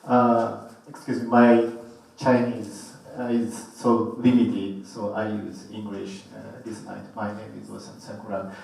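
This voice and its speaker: A man from Japan with a Japanese accent, a native Japanese speaker giving an academic lecture in halting, broken non-native phrasing. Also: on the low side, little pitch movement, gravelly, darkish tone. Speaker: professor giving a guest lecture. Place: large echoey indoor lecture room. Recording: very echoey hall, distant mic, faint noise.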